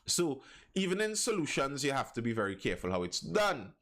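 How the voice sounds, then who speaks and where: A Trinidadian man hosts a live stream, chatting loosely and reading viewer comments aloud, often restarting his sentences as he digresses. His mid-range voice is a bit bright and swings widely in pitch, and he talks a little fast.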